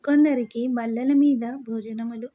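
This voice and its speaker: A woman narrating a classic novel aloud in a steady, formal reading voice. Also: a little high, unhurried. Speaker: audiobook narrator. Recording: dull lo-fi recording.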